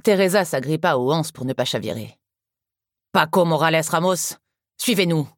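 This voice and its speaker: A woman narrating a novel in a measured, even storytelling manner. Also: deep voice, breathy edge, no echo, studio quality. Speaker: audiobook narrator. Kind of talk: scripted narration.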